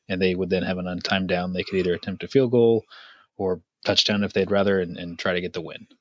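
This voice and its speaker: Low-voiced man reading a play scenario. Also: a bit bright, husky, no room sound. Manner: reads out play scenarios plainly, quick jokes. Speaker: podcast co-host, football official. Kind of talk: casual rules discussion.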